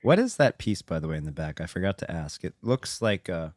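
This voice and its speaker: A man's voice: deep voice, sing-song, fairly quick, darkish tone. A man hosting a casual video call chat, talking in a thoughtful, hedging way with many fillers.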